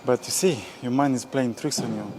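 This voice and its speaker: A man's voice: medium pitch, moderate pace, background noise. A man vlogging his leg workout in a gym, casually explaining his sets and pushing himself on, at times out of breath. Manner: self-motivating, talks between sets. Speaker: fitness vlogger. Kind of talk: casual workout vlog talk.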